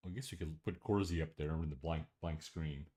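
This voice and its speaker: A man's voice: extremely low pitch, a little fast, mellow. A man streaming a game over a headset mic, chatting casually and thinking aloud as he plays. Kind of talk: casual livestream chat while playing. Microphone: livestream headset mic.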